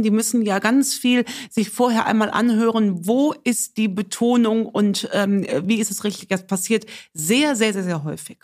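A woman, co-hosting a podcast in casual chat and telling stories with lively tag questions. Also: medium pitch. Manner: lively, animated storytelling with frequent "ne?". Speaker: podcast co-host.

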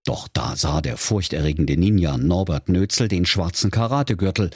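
A man's voice: deep voice, moderate pace, darkish tone, husky, dry recording, clean studio sound. A man narrating a comic fairy tale in a playful storytelling manner.

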